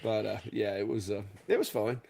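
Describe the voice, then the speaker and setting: A man's voice: on the low side, animated, moderate pace, creaky, mellow. Folksy man chatting. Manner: rambling, folksy, restarts and chuckles. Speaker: co-host. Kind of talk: casual live-stream chat.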